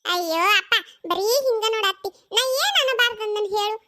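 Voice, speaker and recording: A performer puts on a very high, bright, squeaky cartoon voice for a cheeky young village woman who rattles off her lines at a rapid clip. In this comedy voice acting she teases and squabbles, with a thick North Karnataka Kannada accent.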